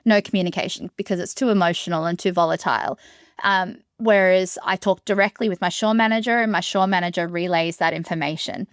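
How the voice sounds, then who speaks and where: A woman who is a solo sailor, telling the story of her ordeal in an interview in a steady, matter-of-fact way. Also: lowish voice, a little fast, no echo, clean studio sound.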